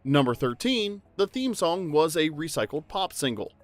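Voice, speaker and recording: A man's voice: on the high side, very animated, moderate pace, over loud music. Upbeat jokey male narrator. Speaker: narrator of a TV trivia video. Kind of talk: scripted narration.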